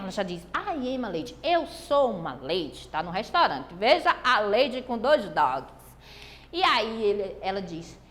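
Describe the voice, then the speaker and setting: A Brazilian woman teacher with a high, very lively voice that swoops up and down. She draws out her example phrases slowly. The recording carries a long echo, as if she were in a big hall. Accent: Brazilian Portuguese. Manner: animated, drawn-out examples. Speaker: English teacher. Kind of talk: recorded online lesson.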